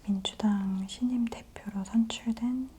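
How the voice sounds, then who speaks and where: A woman host whispering softly and close in an ASMR news briefing, gently explaining things to the listener. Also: on the high side, steady tone, husky. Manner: slow, gentle explaining to the listener in polite speech.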